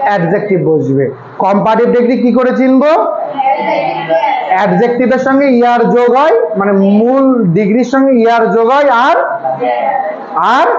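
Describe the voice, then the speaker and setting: A man's voice: extremely high pitch, noisy background. Guy teaching a grammar class, keeps quizzing students, echoey room, kinda dull lo-fi sound. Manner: asks students questions and answers them himself. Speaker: tutor.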